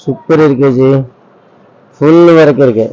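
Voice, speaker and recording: A man with an Indian accent giving an enthusiastic, repetitive shop sales pitch, urging viewers on and tossing out rhetorical questions. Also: normal speed, mellow, dull audio. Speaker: saree shop owner and sales presenter.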